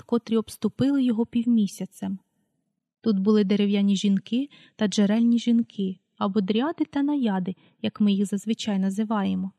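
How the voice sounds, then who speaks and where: Mellow-voiced woman reading a storybook. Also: mid-range voice, dry recording, studio quality. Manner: calm, unhurried reading, announces page numbers aloud. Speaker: audiobook reader. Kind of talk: storybook read-aloud.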